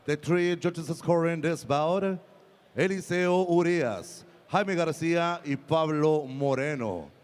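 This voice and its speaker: Male ring announcer, bilingual English, high voice, lucha-libre showmanship, elongated names. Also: slow. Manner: showy, stretches out names and titles.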